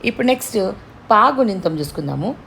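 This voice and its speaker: A woman teaching pronunciation, drawing out syllables slowly to demonstrate them. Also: medium pitch, animated, vocal fry, bright, forceful tone, slight background noise. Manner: slow demonstrative enunciation of syllables. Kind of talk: pronunciation lesson.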